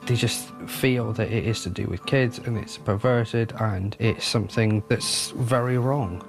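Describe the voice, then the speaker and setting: British man, thirty, lowish voice, serious, halting. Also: creaky, over music. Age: 30s.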